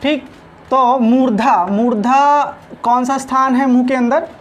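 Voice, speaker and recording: Slow deliberate man teaching pronunciation. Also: very high voice, steady tone. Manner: slow and deliberate, sounding out each letter. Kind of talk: spoken lesson on pronunciation.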